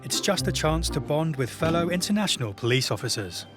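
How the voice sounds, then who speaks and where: A man's voice: a little high, big pitch swings, a little fast. A man reading scripted documentary narration. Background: loud music.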